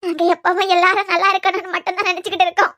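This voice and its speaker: A woman voicing a loving, worried old grandmother in a cartoon serial, speaking softly in a Kanyakumari Tamil accent. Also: extremely high pitch, flat delivery, rapid-fire. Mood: fearful. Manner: soft, coaxing, affectionate.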